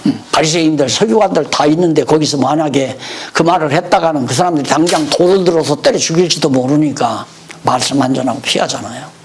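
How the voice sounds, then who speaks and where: A man's voice: on the high side, fast, slight background noise. A man teaching a Bible study lecture, explaining verses and then telling stories from his own life.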